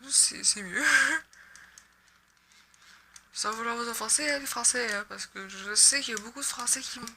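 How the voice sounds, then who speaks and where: A woman's voice: fairly high pitch, normal speed, vocal fry, pauses often, background noise. A young woman with a Québécois accent from Quebec, chatting and joking casually over her gameplay, swearing when she misses. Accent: Québécois French. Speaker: gaming YouTuber.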